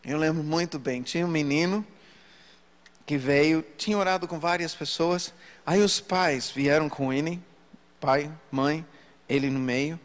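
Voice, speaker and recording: A man preacher telling a story from the pulpit in an animated sermon. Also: unhurried. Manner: storytelling, animated pitch swings. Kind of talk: sermon testimony. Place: church hall. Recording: long hall reverb.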